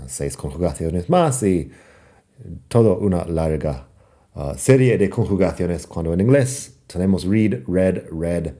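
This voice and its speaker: Slow, very dark-voiced male teacher. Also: low voice. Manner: patient, methodical explaining with worked examples. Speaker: language teacher. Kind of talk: recorded lesson.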